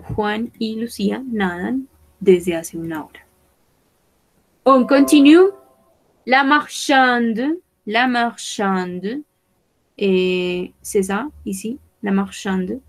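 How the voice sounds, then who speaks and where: Slow, careful French teacher woman. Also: mid-range voice, a little mellow. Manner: slow, careful, repeating words for students. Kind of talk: bilingual online class, French and Spanish.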